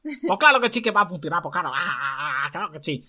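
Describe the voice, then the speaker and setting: A man's voice: fairly high pitch, big pitch swings, brisk, sharp tone, pitched above the performer's own voice, exaggerated voice. A man doing a boastful clown doctor voice. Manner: boastful, theatrical, odd-sounding. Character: young woman disguised as a strange-talking clown doctor.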